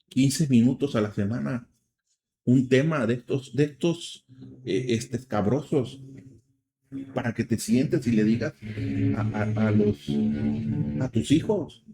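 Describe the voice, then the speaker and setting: A middle-aged Mexican man hosting a program of earnest religious commentary, often restarting his sentences and filling pauses. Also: medium pitch, mellow, a little hiss or hum. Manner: earnest, with frequent restarts and fillers. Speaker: program host.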